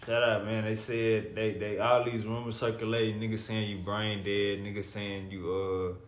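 Casting: male podcast co-host, lowish voice, short slangy statements, roomy echo. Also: little pitch movement, normal speed. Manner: street slang, short declarative phrases. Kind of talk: casual podcast chat. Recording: echoey room.

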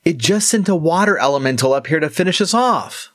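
A man's voice: fairly high pitch, expressive, fairly quick, no echo, studio quality, voice pushed up, natural voice. A man voicing a stern, impatient blind male warrior in a storybook reading, speaking in a raised, pressing tone.

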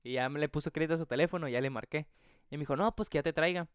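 A young man tells a story on a casual podcast. He talks fast in a somewhat high, crisp voice, full of slang. He keeps jumping into the voices of the people in his story. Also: dry recording, clean studio sound. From Mexico. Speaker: podcast co-host.

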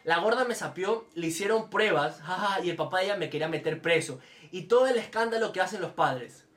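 A man's voice: sits high, brisk, echoey room, far from the mic. A young man hosting a podcast, telling comic stories in casual chat and acting out the people in them. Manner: animated storytelling, slips into quoted voices. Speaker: podcast host.

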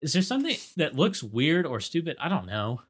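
A young man with vocal fry, co-hosting a podcast in a casual, loose, slangy way. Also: a little high, very animated, brisk. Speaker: podcast co-host.

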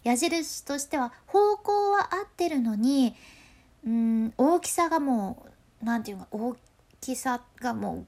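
A woman's voice: high voice, lively intonation, unhurried, a little mellow. A woman with a Hakata accent explains voice control in a casual, playful way, laughing often. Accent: Hakata dialect.

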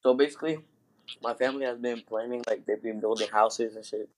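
Young male guest, mid-pitched, hesitant joker in casual conversation, low quality streamed call audio. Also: fairly even intonation, a little fast, rough recording. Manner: hesitant, stammering, joking. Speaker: guest answering questions. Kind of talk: casual chat. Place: online voice call.

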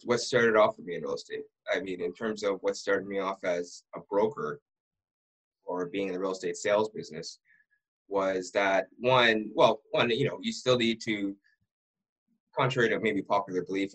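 A real estate broker from Ottawa, Canada, guests on a casual podcast interview, telling his backstory in a rambling way and often restarting words. His low voice is fairly bright, slightly rough, and evenly intoned at normal speed. The audio quality is poor.

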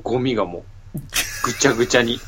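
A man co-hosting a casual comedy radio talk show, telling rambling stories with deadpan retorts and sound-effect words. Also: mid-range voice, quick pace, background noise.

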